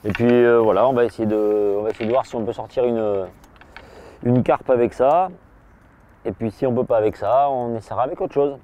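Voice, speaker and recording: A man commenting casually while fishing at a pond, relaxed and hesitant, often restarting his sentences. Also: mid-range voice, fairly quick, highs cut off, slight background noise. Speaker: fishing angler presenter. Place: outdoors by a pond.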